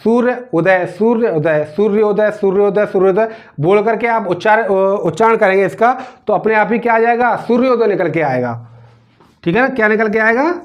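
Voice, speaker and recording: A man teaching a grammar lesson, asking questions and answering them himself and repeating words slowly as he spells them out. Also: high voice, dull audio.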